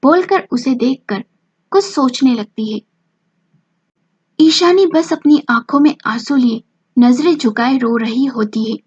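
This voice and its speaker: A woman reads a romantic drama story aloud in a steady, dramatic way. Her voice sits fairly high with a husky grain. The recording sounds dull and lo-fi. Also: unhurried, long pauses, dry recording. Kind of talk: scripted story narration.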